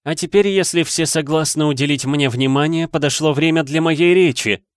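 Guy putting on a stuffy proud ghost gent, pitched up, dry close sound. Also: moderate pace, clear, resonant tone, no echo, lightly acted. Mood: pompous. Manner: pompous, formal speechmaking. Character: pompous melancholy male ghost, stiffly proud. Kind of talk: audiobook reading.

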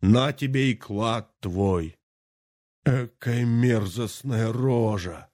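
A man voicing a gruff old village grandfather muttering to himself as he digs for treasure, in a read-aloud folk tale. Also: medium pitch, very slow, darkish tone, no room sound, clean studio sound. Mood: disgusted. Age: older.

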